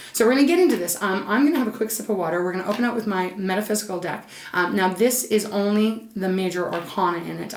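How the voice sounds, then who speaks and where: This tarot reader is a woman with a medium pitch whose voice is a touch scratchy and nasal from congestion. She keeps the casual reading chatty and calming, referring to her listener as "Saggy." Echo from the room is noticeable.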